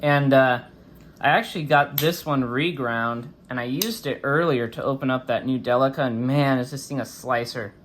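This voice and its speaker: Guy doing a chatty review vid, bright voice, mouth kinda swollen from wisdom teeth surgery, bit of background noise. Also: mid-range voice, moderate pace. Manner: informal, chatty. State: swollen face and slightly impeded speech after wisdom tooth removal. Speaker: host of a knife review channel. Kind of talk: casual product review vlog.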